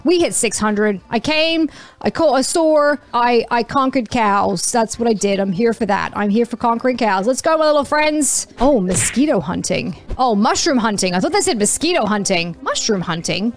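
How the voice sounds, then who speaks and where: A young woman casually commenting on a video game as she plays, excitable, exclaiming and muttering at the screen. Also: a little high. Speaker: gaming channel host. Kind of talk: casual let's-play commentary.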